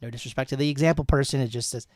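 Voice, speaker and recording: A man's voice: mid-range voice, steady tone, very fast, a little mellow, no echo, clean studio sound. A man in his thirties hosting a casual podcast, laughing often as he reads slang definitions with jokey examples. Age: 30s. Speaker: podcast host.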